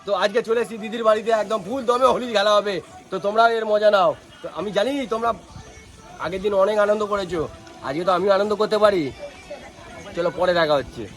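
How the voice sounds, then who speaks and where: A man's voice: high-pitched, fast talker, fairly bright tone, soft background music. A man vlogging a family Holi celebration outdoors, filming with a handheld phone and eagerly urging viewers to look. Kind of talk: casual vlog narration.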